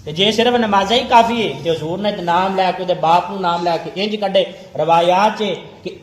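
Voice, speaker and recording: A Punjabi-accented man with a high voice argues religion with fervent, emphatic force, hammering his points through repetition. The sound is echoey, with a faint hum of noise behind him. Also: moderate pace. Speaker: religious debater. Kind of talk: heated religious debate.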